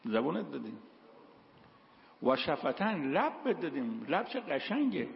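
A man delivers a sermon and weaves in stories and quoted verses. His voice sits fairly high and has a gravelly edge. It was recorded in a reverberant hall with muffled, lo-fi sound and faint background noise. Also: very animated. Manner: storytelling, quotes Quranic verses. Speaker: preacher. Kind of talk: sermon with told anecdotes. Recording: echoey hall, dull lo-fi sound.

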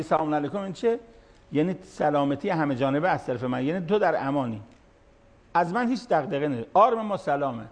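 An older man, nearly seventy, delivers a sermon-style lecture to a gathered audience. His voice sits a little higher than most men's. He reads out scripture and then explains each line in plain, everyday words. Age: late 60s. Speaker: cleric speaking to an audience of managers.

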